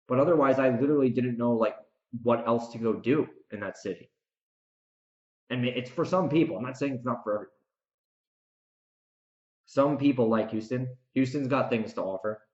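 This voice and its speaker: Captured in a dull, echoey room, this mid-range male voice moves at a moderate pace with long pauses. He's an American podcast host and author delivering a casual, emphatic solo rant full of strong opinions aimed right at the listener.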